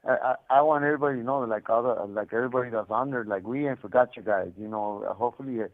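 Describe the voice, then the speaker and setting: A man with a mid-range voice talks rapid-fire, with no echo, over a tinny, band-limited prison phone line. He's an inmate casually telling his own story, unscripted and repetitive, peppered with "man," "you know," and other conversational filler.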